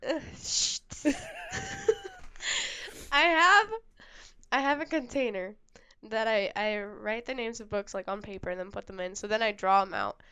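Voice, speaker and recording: Slow, smooth-voiced woman who rambles. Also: medium pitch, bright, forceful tone. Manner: hesitant and rambling, many fillers and giggles. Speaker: podcast co-host. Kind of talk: casual book-review chat.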